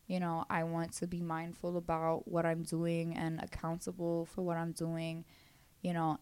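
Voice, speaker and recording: A woman's voice: low-pitched, a little mellow, clear, resonant tone. A woman from Brooklyn with a Brooklyn accent, talking candidly and casually as an interview guest, blunt and slangy with frequent swearing. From Brooklyn, New York.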